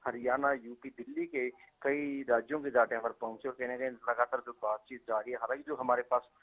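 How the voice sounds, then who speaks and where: A male field reporter phoning in a news update, talking quickly and loosely from the scene. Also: mid-range voice, flat delivery, a bit bright. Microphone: phone line. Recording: tinny phone line.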